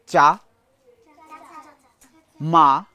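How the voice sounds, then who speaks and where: A man's voice: a little high, fairly even intonation, bright, forceful tone, a little hiss or hum. A man teaching a recitation class, explaining words and quizzing his students. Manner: explanatory, asks students questions, recites verse slowly. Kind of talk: classroom lesson.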